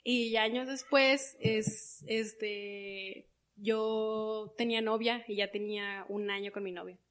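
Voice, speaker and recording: Una mujer joven con acento mexicano cuenta de forma animada una historia personal en una entrevista e imita las voces de otras personas. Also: female voice, medium pitch, slow pace. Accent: Mexican Spanish. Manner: animated, acts out quoted voices. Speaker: guest. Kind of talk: personal storytelling.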